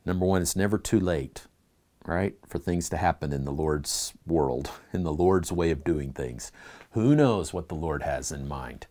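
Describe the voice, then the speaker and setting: A man with a low, mellow voice leads a church Bible class, speaking a little slowly in a teaching tone. He reads passages aloud, discusses them earnestly, and pauses to ask the class questions.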